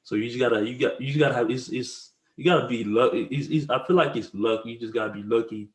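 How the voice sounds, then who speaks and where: A man's voice: mid-range voice, fast talker, reverberant. A man in his twenties from the Congo, a podcast guest talking casually and rambling, with slang and frequent restarts. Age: 20s. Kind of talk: casual conversation.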